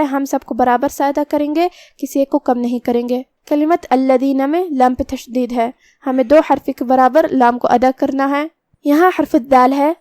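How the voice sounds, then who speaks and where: A woman teaching Quran recitation rules in a patient, methodical way, stopping to slowly demonstrate each word. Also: high voice, darkish tone, dry recording, clean studio sound. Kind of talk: tajweed lesson with slow demonstrations.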